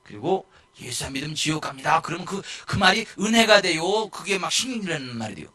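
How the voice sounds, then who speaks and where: A male pastor giving a lively sermon in a church, rising to shouts and acting out the people in his stories. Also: a little high, fast talker. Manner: animated, shouting at peaks, mimicking people.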